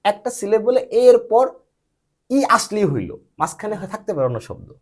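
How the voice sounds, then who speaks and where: A man leads a patient one-to-one lesson, his voice rising and falling in a lively, animated way. He keeps checking understanding with short questions and spells words out letter by letter. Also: high voice, normal speed. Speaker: English teacher. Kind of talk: patient spoken lesson, quizzing a student.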